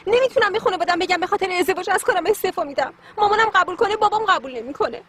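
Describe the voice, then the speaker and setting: Brief: high, lively, headstrong young fiancée. Faint score behind. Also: female voice, crowd noise. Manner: emotional, insistent. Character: proud young woman demanding to be chosen. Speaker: dubbing actor. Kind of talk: Persian dub of a Turkish series.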